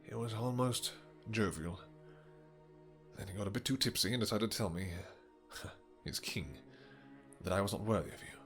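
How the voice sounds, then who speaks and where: King Lothaire, low-voiced doting vampire king, acted by a man. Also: a bit bright, soft background music. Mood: menacing, wounded. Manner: courtly archaic phrasing, hesitant pauses, tender endearments. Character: doting, possessive, vengeful male vampire king with horns and wings. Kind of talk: romantic fantasy audio roleplay.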